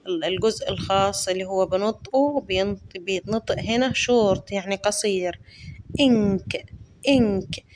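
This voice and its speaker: A woman with an Egyptian Arabic accent teaching children English from a workbook. She moves quickly through Arabic explanations and slows down to model and spell English words. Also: medium pitch, a little hiss or hum. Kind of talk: workbook lesson walkthrough.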